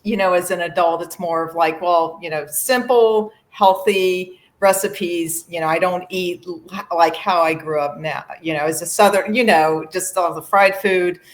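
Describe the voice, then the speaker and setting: A middle-aged woman from Virginia, a musician guest in a casual interview, friendly and quick to laugh, with many fillers. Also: fairly low pitch.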